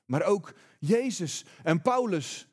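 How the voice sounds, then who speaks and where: A man's voice: sits high, lively intonation, takes it slowly, darkish tone. A man preaching a sermon, emphatic and often repeating words as he builds his points.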